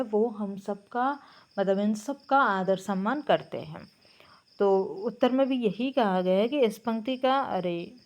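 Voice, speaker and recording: A woman's voice: mid-range voice, a little mellow. A woman with a Bengali accent, explaining textbook answers as a Hindi teacher, with a patient manner and frequent hesitations.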